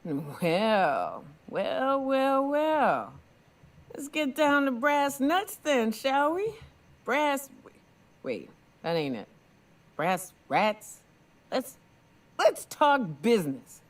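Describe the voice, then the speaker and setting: An actress playing a drunk, boastful big game hunter in a video game, with a rambling, tipsy barfly drawl. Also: female voice, high-pitched, big pitch swings, drawn-out words, long pauses, full character voice. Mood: tipsy, amused.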